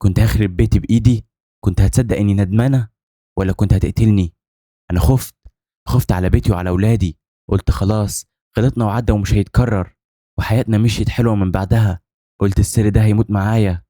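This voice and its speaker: A man's voice: on the low side, steady tone, fast talker, dark tone, no room sound, studio quality, natural voice. A man with an Egyptian accent reading the lines of a remorseful, tearful wife in a told story. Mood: pleading. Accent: Egyptian Arabic. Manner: pleading, tearful.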